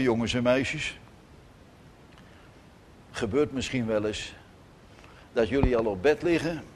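A man preaching a sermon in church, emphatic, with sudden loud declarations and soft, gentle asides. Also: mid-range voice, slight background noise. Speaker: pastor.

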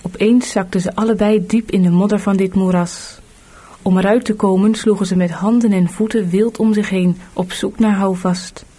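A woman narrating a storybook audiobook in a measured, clear reading. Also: mid-range voice, fairly even intonation, dark tone.

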